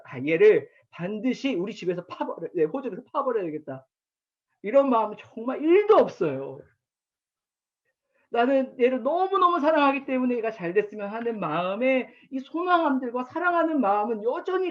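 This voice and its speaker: A man in his thirties preaching at an online chapel, telling stories about his daughter and acting out her lines. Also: sits high. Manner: warm storytelling with acted quotes of his daughter. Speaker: campus ministry pastor. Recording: dull lo-fi online chapel recording.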